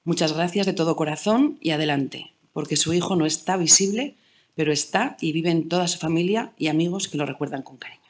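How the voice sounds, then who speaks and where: A woman's voice: low-pitched, brisk. A woman moderates an online talk, relaying messages the audience chat.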